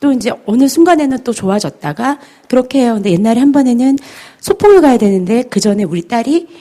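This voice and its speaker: A woman in her forties, the mother of a sixth-grade girl, asks a lecturer for advice and pauses hesitantly as she talks. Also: fairly high pitch, lively intonation, mellow. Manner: hesitant, many fillers. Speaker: audience member asking a question. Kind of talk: telling a story and asking a question.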